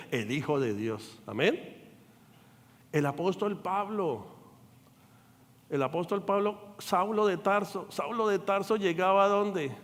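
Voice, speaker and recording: An older male pastor gives a lively sermon in a church sanctuary, voicing the people he quotes and checking in with his congregation. His voice leans high, and a long reverb tail follows it.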